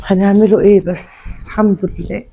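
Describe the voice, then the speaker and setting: A weary, resigned older mother, played by a woman in a family drama skit. Her voice is mellow and darkish, and she talks quickly with an Egyptian accent. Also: mid-range voice, steady tone, vocal fry. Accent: Egyptian Arabic. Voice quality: tired, resigned.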